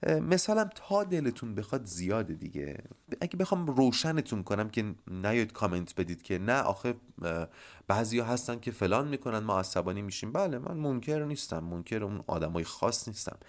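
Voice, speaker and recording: A man hosting a podcast, explaining ideas to listeners in an animated monologue and addressing them directly. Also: on the low side. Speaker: podcast host.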